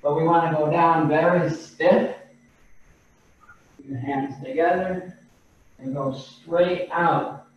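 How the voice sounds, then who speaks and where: Man giving slow qigong breathing cues. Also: fairly high pitch, fairly even intonation. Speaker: qigong instructor. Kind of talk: guided exercise class. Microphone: video call. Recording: echoey distant video-call audio, dull and lo-fi.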